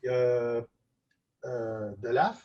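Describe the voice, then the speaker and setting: A cartoonist and animator with a Quebec French accent appears as a guest in a casual online interview, offering reflective advice. His medium-pitched voice draws out words as he hesitates and often repeats himself. The video call sounds dull and lo-fi.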